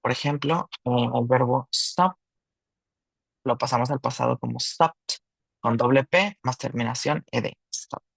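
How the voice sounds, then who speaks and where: A man's voice: mid-range voice, creaky, no room sound, poor audio. A man teaching an online grammar lesson, explaining patiently in two languages with small restarts. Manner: slow and patient, switching between Spanish and English, with restarts. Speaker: English teacher.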